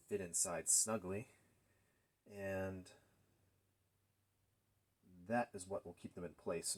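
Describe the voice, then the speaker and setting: A man in his thirties hosts a DIY build from his garage workshop, thinking aloud informally as he narrates. His voice sits low with a darkish tone, and the noisy workshop recording has clicks.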